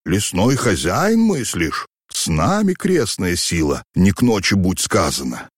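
A man's voice: sits low, wildly swooping pitch, a little slow, breathy edge, no echo, studio quality, exaggerated voice. A man voicing a frightened, pious old male servant who pleads anxiously. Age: older. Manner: fearful, pleading.

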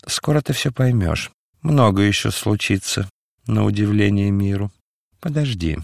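A man voicing a mysterious male stranger who speaks calmly, dispassionately and with faint mockery. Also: fairly low pitch, measured pace, gravelly, no echo, studio quality. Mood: cryptic, wry. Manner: calm, dispassionate, faintly mocking. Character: mysterious calm male stranger, cryptic and mocking.

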